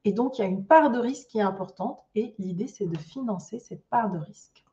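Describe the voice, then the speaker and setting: A woman leads an online master class, her voice mellow and set back from the microphone. The sound is dull and lo-fi. She talks loosely, with frequent fillers and restarts. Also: medium pitch, a little fast, far from the mic. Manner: loose spoken delivery with many fillers and restarts. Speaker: ecotourism business trainer.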